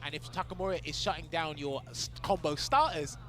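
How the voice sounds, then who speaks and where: A man giving live play-by-play commentary on a fighting game tournament, breaking down tactics at length. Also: on the high side. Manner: fast, analytical, explains tactics at length. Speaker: esports commentator. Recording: tournament broadcast with music underneath. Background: music.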